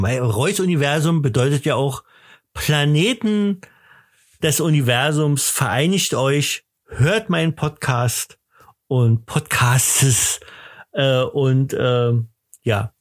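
With a mid-range voice and an unhurried pace, the podcast host, a man in his fifties from eastern Germany, rambles in a relaxed way. He cracks jokes, often at his own expense.

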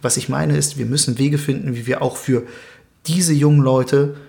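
A young man from Germany, speaking as an interview guest in a thoughtful, measured way with occasional hesitations. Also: medium pitch, steady tone, creaky, a little mellow. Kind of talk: earnest interview conversation.

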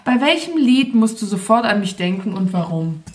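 A woman's voice: mid-range voice, sing-song, moderate pace, echoey room. A young woman co-hosting a podcast, chatting casually and teasing her friend with frequent laughter. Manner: teasing, playful, laughs often. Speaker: podcast co-host. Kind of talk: casual chat.

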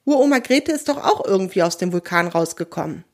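An excited little creature boy from a children's story, as a woman puts him on. His voice jumps high and lively, bright with eagerness for adventure. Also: fairly quick, close to an everyday voice. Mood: eager.

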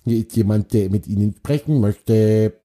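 A man's voice: lowish voice, normal speed, warm tone, lightly acted. A man voicing a cheerful, hardworking male beaver in a children's story, easygoing and kindly.

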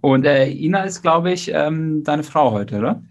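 A man's voice: fairly high pitch, animated, moderate pace, lo-fi sound. A man hosting a podcast, giving brief reactions and asking short questions. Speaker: podcast host. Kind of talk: casual podcast conversation.

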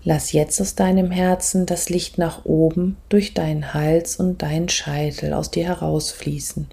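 A woman speaks as a spiritual coach and meditation guide, measured and gentle, leaving pauses between phrases, with a husky voice that turns breathy at phrase ends. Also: sits low, fairly even intonation.

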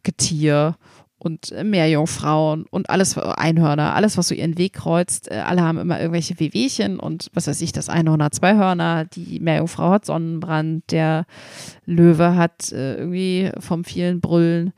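A woman hosts a casual podcast, chatting along with lots of fillers and quick restarts. Her voice sits fairly low and sounds mellow and warm. The recording is dry and close, with no room sound. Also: dry recording. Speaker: podcast host recommending children's books.

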